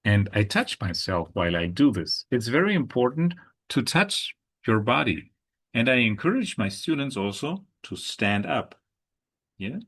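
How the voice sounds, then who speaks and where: A man teaching German pronunciation, speaking slowly and deliberately and repeating each word several times. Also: mid-range voice, big pitch swings, fairly bright tone, breathy edge. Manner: slow, deliberate, repeats words with gestures. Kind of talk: language lesson.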